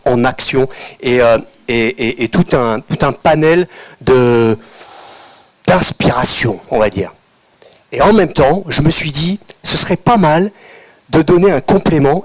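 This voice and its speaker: A man giving a motivational talk to a live audience, calling out to the crowd, asking them questions and slipping into sing-song bursts. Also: mid-range voice. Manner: conversational, asks the audience questions. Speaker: guest speaker and actor. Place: live event before an audience in Paris.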